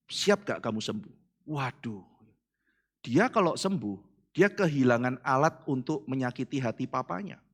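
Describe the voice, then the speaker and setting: A male pastor with an Indonesian accent preaching a sermon in a church, telling stories with acted dialogue and swinging between loud bursts and hushed asides. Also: medium pitch. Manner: addresses congregation as "saudara".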